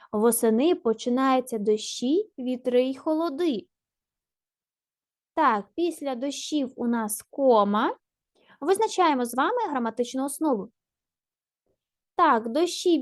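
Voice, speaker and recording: A woman's voice: sits high, darkish tone, no echo. Woman, teacher, primary school lesson, encouraging, asks and answers herself, dry sound. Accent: Ukrainian. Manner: patient, encouraging, asks and answers her own questions.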